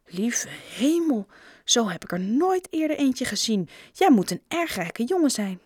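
A woman puts on an eager storybook shopkeeper, a grown man who never stops pitching deals. His patter comes raised and loud, bright and close. The voice sits dry against the mic, with no room around it. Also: sing-song, measured pace, no echo. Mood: eager salesman. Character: chatty grown male shopkeeper, pushy salesman.

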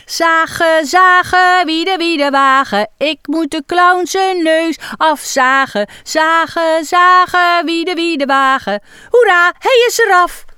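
Storybook girl clown, bossy and eager, read by a woman, high, lively. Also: measured pace, no echo, clean studio sound. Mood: playful. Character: bossy playful girl clown playing doctor.

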